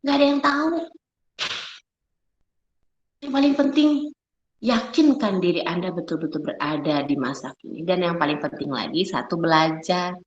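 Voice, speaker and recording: A middle-aged woman lectures on public speaking. Her talk is lively and animated, full of rhetorical questions aimed at her audience. The recording is roomy and somewhat muffled, as if captured in a hall. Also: on the low side, moderate pace, long pauses, a little hiss or hum.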